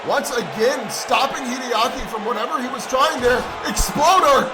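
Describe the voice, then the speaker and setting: A man doing excited wrestling commentary who erupts into shouts at big moves. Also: very high-pitched, moderate pace. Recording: over loud crowd and music. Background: crowd noise and music.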